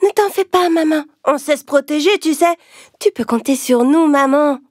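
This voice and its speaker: Une femme qui joue des petits chevreaux enfantins et criards dans un dessin animé. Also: female voice, moderate pace, close to an everyday voice. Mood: rassurant. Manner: shrill, childlike shouting. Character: brave little goat kids.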